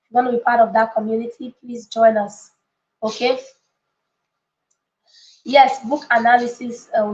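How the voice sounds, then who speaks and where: A slightly mellow, higher-pitched woman coaches live in an echoey room, the sound a bit dull and lo-fi. As a coach and book club leader, she blends motivational teaching with casual talk to viewers, speaking emphatically, repeating phrases and checking in with listeners.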